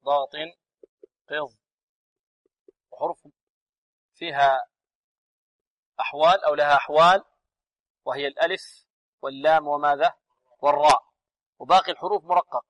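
A man teaching Quran recitation on a radio lesson. He chants verses slowly, then explains the rules, asking his students questions and answering them himself. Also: on the high side, steady tone, a bit bright, rough recording.

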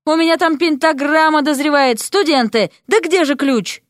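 A woman's voice: high-pitched, normal speed, no echo, clean studio sound, voice pushed up, lightly acted. A woman voicing a cranky older male professor who grumbles and blusters through a locked door. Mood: grumbling.

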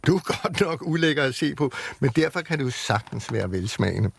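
A man reading aloud and voicing a neat, fussy big bad wolf who talks smoothly about eating children. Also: mid-range voice, animated. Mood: menacing. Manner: smooth-talking, then shrieking.

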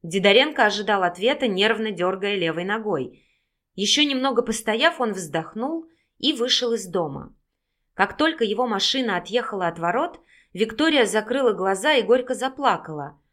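Female audiobook narrator, measured storytelling read. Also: mid-range voice, expressive, fairly bright tone. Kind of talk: read-aloud fiction narration.

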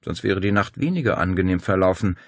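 A young policewoman speaks briskly and skeptically, with a dry wit, voiced by a man with his pitch raised. The voice is husky and lively. The sound is dry and close. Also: dry recording. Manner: brisk, skeptical, matter-of-fact. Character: police officer, young woman, determined and dry-witted.

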